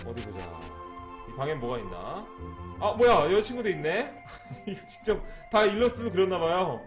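A man's voice: high-pitched, big pitch swings, normal speed. A man streaming a game live, chatting and thanking viewers in a sing-song way, teasing and joking as he plays. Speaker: internet streamer. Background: game music.

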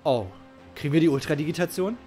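Speaking fast with a warm tone, this middle-aged man has a fairly high voice as he casually comments on a game live. He's emotionally caught up and emphatic, repeating himself as he goes. He streams from home indoors on a close-worn headset mic, game music audible underneath.

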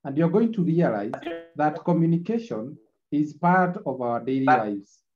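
A man's voice: on the high side, lively intonation, normal speed, muffled recording, faint music behind. A man teaching an online class, heard through a screen recording of the video call, repeating his points and checking in with "eh?". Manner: repetitive, checks in with tag "eh?". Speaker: lecturer.

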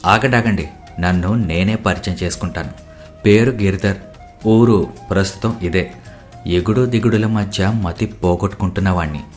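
A man's voice: low-pitched, moderate pace, soft background music, close to an everyday voice. A man reading the part of a witty young businessman who jokes in a playful way. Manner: joking, playful.

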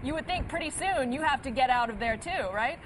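A woman's voice: high voice, lively intonation, fairly quick, a little hiss or hum, low-quality recording. A woman working as a TV news anchor, talking conversationally with a field reporter live on air.

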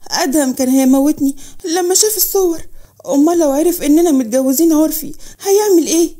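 A frightened young woman with an Egyptian accent, voiced by a woman narrator, tense and pleading. Her voice rides high and mellow. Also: fast talker, close to an everyday voice. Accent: Egyptian Arabic.

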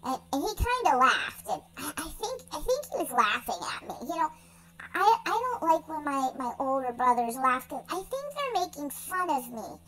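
A woman's voice: high-pitched, sing-song, normal speed, pushed and bright, exaggerated voice, rough recording. A woman voicing a naive, sweet-natured young male dog who rambles earnestly and stammers over his words. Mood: chatty. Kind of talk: pet voice-over monologue.

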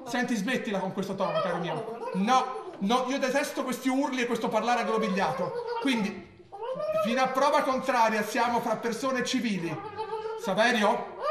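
A vain, prissy, melodramatic fusspot in a live stage monologue, his pitch swooping wildly up and down. The sound rings around an echoey theatre, with a crowd laughing along behind him. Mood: petulant. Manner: theatrical, prissy, prone to sudden outbursts. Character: vain, fussy, melodramatic man alone at home. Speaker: stage actor. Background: audience laughing.

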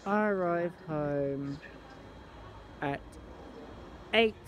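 A young man vlogging on a railway platform, talking in a halting, rambling way with many restarts, into a phone held at arm's length. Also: on the high side, slight background noise. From England. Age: young adult. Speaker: trainspotting vlogger. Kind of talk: casual handheld vlog. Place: outdoor railway station platform.

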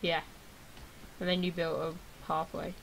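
A woman's voice: deep voice, level tone, unhurried, vocal fry. A young woman co-hosting a casual gameplay video, playful and calling out as she plays. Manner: playful, yells at fleeing animals. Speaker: let's play co-host. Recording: noisy mic with lawnmower outside.

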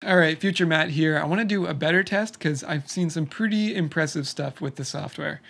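A young man filming a casual vlog at home, walking through his camera setup in a relaxed, chatty way. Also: fairly high pitch, a little fast, creaky. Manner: relaxed, chatty, explains gear step by step. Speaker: YouTuber. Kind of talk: casual gear walkthrough vlog. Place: home room by a noisy computer. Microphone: studio microphone into computer.

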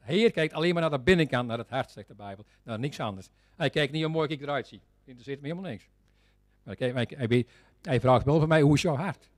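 A man with a Flemish accent preaching a sermon, fervent and repetitive, swinging between loud exclamations and quiet, intense stretches. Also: medium pitch, fast talker, no room sound, clean studio sound.

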